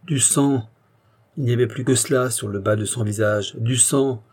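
Male narrator with a husky, dark voice for an intense, anguished first-person tale. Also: mid-range voice, normal speed. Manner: intense, swells to anguished outbursts. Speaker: audiobook reader. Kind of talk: dramatic story reading.

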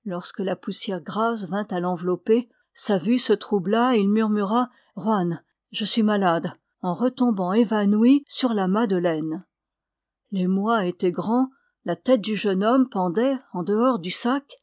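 A woman narrating a novel as an audiobook reader, in a steady, even storytelling read. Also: mid-range voice, unhurried, no room sound, studio quality. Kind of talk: scripted narration.

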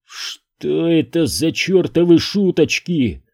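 A man voicing a frightened, blustering male landlord who shouts in alarm, for an audiobook. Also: medium pitch, very animated, very slow, husky, exaggerated voice. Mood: rattled angry. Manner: shouting, rattled and angry. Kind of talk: audiobook reading.

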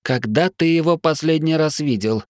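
A man's voice: a little high, normal speed, dry recording, pitched above the performer's own voice, lightly acted. A Dutch adventurer pleads and then reasons patiently in a raised, strained voice, as a male audiobook reader puts him on. The sound is dry and close. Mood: coaxing. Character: Lars, a Dutch man coaxing a friend.

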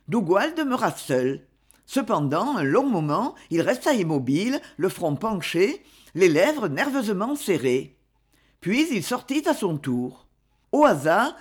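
An audiobook reader narrating a novel in a measured, expressive way. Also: mid-range voice, slightly rough.

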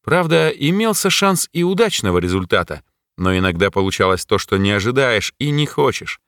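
A man reading a fantasy audiobook in steady, measured scripted narration. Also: fairly low pitch, dry recording, studio quality.

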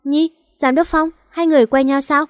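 Storybook female office manager done by a woman, stern and scolding, high voice, dry close sound. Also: fairly even intonation, normal speed, no echo, close to an everyday voice. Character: older female office manager, blunt and caring.

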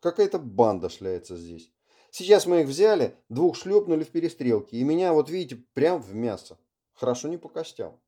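Male reader playing a coarse young lieutenant in an audiobook: curt, blunt, slightly higher voice, dark timbre. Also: sing-song, moderate pace. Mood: agitated.

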